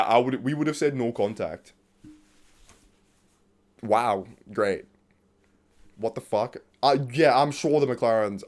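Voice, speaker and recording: A man ranting off the cuff in a profane, exasperated way, laughing at times and reading from his notes as he talks. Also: medium pitch. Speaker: vlogger. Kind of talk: unscripted rant about a TV series.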